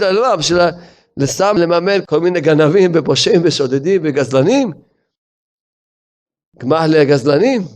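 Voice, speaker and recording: A man, a rabbi, giving a sermon as a lively story full of rhetorical questions. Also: on the high side.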